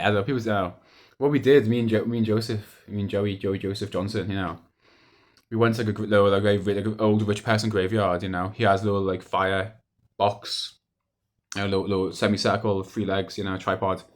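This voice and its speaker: Casting: young adult male vlogger, lower-pitched, casual and hesitant, loops back over his own phrases. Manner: hesitant, repetitive, with trailing thoughts. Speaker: video diarist. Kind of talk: casual rambling monologue to camera.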